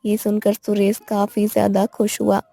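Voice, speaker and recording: A woman narrating an animated family story in a plain storytelling manner. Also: mid-range voice, moderate pace, vocal fry, no echo.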